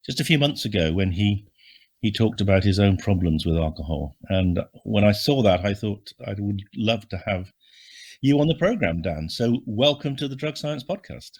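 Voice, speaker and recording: A man's voice: fairly low pitch, lively intonation, normal speed, a little mellow. An older man from Bristol hosting a podcast interview, asking friendly, probing questions that tend to ramble. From Bristol, England. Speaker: podcast host.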